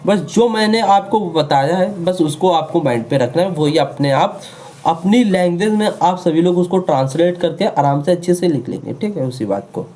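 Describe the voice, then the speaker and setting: Man drilling a grammar lesson, mellow voice. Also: sits high, expressive, moderate pace. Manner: repetitive, drilling words over and over; checks in with rhetorical questions. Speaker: teacher.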